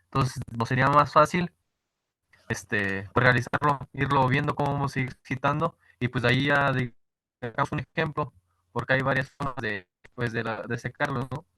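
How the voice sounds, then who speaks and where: A man's voice: medium pitch, steady tone, normal speed, sharp tone, no echo, poor audio. A man, a graduate student asking hesitantly during an online class. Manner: hesitant, full of fillers. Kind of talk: classroom question on a video call. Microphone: video call.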